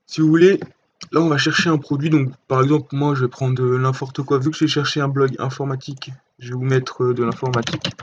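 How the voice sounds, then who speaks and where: A man talks viewers through an online tutorial in a loose, halting way, stopping often for fillers and restarting his sentences. His voice is at a middle pitch. The recording is dull and lo-fi, with a faint hiss underneath. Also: flat delivery. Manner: hesitant, many fillers and restarts. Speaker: tutorial host. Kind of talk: casual screen-recorded tutorial.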